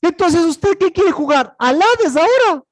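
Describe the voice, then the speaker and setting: A preacher with a notably high voice delivers a sermon. They pose questions and answer them, then leap from loud, high cries to low, quiet murmurs. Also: lively intonation, unhurried, low-quality recording. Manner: asks and answers own rhetorical questions.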